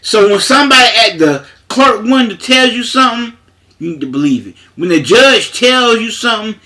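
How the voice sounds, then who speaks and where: A man's voice: high voice, expressive, normal speed, pushed and bright. A man speaking in a casual, emphatic monologue as a paralegal, repeating himself and using frequent fillers, with a way of talking.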